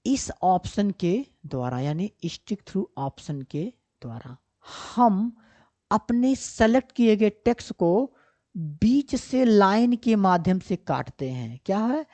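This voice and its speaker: In this screen-recorded software tutorial, a woman computer teacher walks through each step slowly, her mid-range voice swinging widely in pitch. She keeps repeating points, poses questions to herself and answers them, and often checks in with "ठीक ना". The audio is slightly dull and lo-fi.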